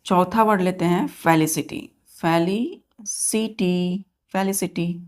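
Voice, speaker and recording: A woman's voice: fairly low pitch, lively intonation, a little slow. A woman teaching vocabulary to students, spelling words letter by letter and asking quiz-style questions. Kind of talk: vocabulary lesson for exam students.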